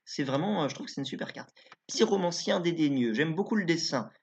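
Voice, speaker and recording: A man's voice: a little high, animated, a little fast, vocal fry. A man giving casual card review commentary as a YouTuber, chatty and informal, thinking aloud as he goes. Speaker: YouTuber reviewing game cards. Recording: slightly dull lo-fi recording.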